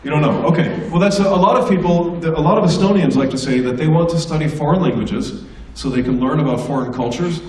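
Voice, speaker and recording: Talking fast with hardly any pauses, a middle-aged American stand-up comedian teases students and tells funny stories as a guest speaker at a school assembly. His voice is on the high side with a darkish tone, captured from a distance in an echoing hall.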